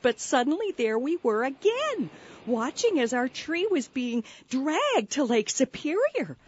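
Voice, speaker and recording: A woman's voice: high voice, slightly rough, heavily acted. A woman doing a weepy Upper Midwest chickadee ghost mother. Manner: folksy, drawn-out and weepy over her lost eggs. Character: fussy mother chickadee ghost pirate, sentimental. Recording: lo-fi recording.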